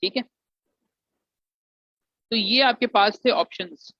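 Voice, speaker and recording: A man's voice: high voice, slow, bright, forceful tone, no echo. Man, dry muffled sound. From Pakistan. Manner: mixes English phrases into Urdu, addresses students as "beta". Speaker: engineering alumnus giving admission advice. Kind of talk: informal explanatory lecture.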